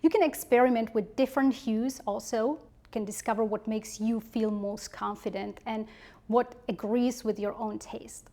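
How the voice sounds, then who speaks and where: A woman giving polished instructional advice as an etiquette coach, with prim, measured, precise enunciation. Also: fairly high pitch, fairly even intonation, mellow.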